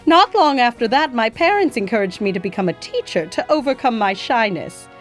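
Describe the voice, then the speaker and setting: A woman's voice: on the high side, big pitch swings, a little fast, soft background music. A woman playing a gracious historical nurse who tells her life story in a genteel way, calling her listener "my dear". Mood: storytelling. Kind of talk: scripted educational acting.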